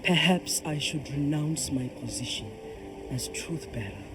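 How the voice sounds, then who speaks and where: In an unhurried, low voice, a woman plays a proud, commanding, devout kraken priestess in a video game. Her delivery is solemn and declamatory with a troubled mood, and music plays behind her.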